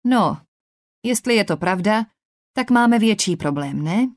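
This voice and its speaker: A woman's voice: mid-range voice, darkish tone, no room sound, natural voice. Woman reading a tense ship officer woman. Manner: firm, strained.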